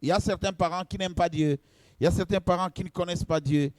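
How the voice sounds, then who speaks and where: High-voiced man preaching a sermon. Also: no echo. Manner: preaching with short phrases and pauses; addresses the congregation directly. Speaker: pastor.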